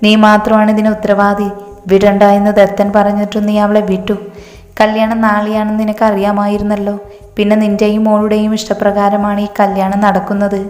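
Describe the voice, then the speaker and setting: A woman's voice: medium pitch, darkish tone, lightly acted. A woman voicing a stern older head of the family who scolds firmly. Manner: firm, reproachful. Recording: roomy hall reverb, faint music.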